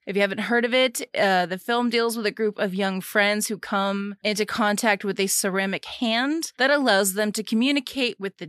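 A woman's voice: mid-range voice, fairly bright tone, smooth, dry recording, studio quality. A woman hosting a podcast in a casual, chatty way, using a polished customer-service phone voice with wry asides. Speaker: podcast host. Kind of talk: casual solo podcast talk about films and entertainment news.

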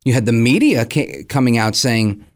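A man's voice: medium pitch, expressive, normal speed. A man gives opinionated, conversational commentary as a program host, acting out imagined dialogue and posing rhetorical questions. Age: 40s.

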